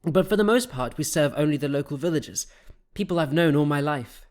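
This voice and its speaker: A man's voice: on the high side, expressive, a little fast, darkish tone, voice pushed up, natural voice. A man putting on a wry young barmaid. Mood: lightly teasing. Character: young woman tavern barmaid, quick-witted and wry.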